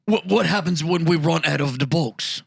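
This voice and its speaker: A man voicing a proud, quarrelsome male ork warrior who craves worthy foes, rasping and gravelly, mocking and trash-talking in ork slang, in an improvised in-character debate. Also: a little high, moderate pace. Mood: taunting.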